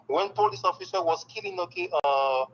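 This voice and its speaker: A man's voice: high-pitched, fairly quick, lo-fi sound, a little hiss or hum. A man from Haiti who speaks natively, answering interview questions in a candid, emphatic way and filling his talk with "okay.". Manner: excited, emphatic, peppers speech with "okay".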